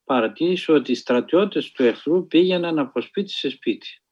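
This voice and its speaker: A man telling a spiritual story in a sermon style, earnest and measured, with dramatic pauses. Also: on the high side, animated, a little mellow, husky, dull audio. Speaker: preacher.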